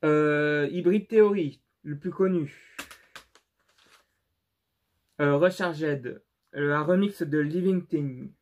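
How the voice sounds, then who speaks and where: A young man with a non-native French accent talks slowly and with hesitation, his voice sitting a little high for a man. He stops and restarts often and leans on fillers, keeping the tone of an unscripted vlog. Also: a little mellow. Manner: halting and unsure, many fillers and restarts. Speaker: YouTuber showing his CD collection. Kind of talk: casual vlog commentary.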